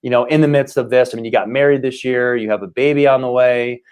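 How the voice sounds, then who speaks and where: A man in his forties hosts a live-streamed talk from home over a remote call. He sounds upbeat and enthusiastic, with a mid-pitched voice, and he talks loosely, full of fillers and restarts. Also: steady tone, fast talker, a little mellow, smooth. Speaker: host and company CEO.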